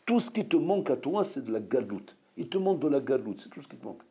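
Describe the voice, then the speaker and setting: A man, a rabbi, preaching a sermon in a lively, scolding way full of rhetorical questions. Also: mid-range voice, quick pace, breathy edge.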